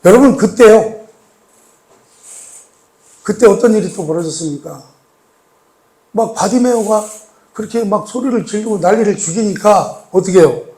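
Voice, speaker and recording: High-voiced male pastor preaching. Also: moderate pace, long pauses. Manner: addresses the congregation with rhetorical questions and repetition; swings between raised emphatic lines and soft, hushed pleading. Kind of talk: sermon.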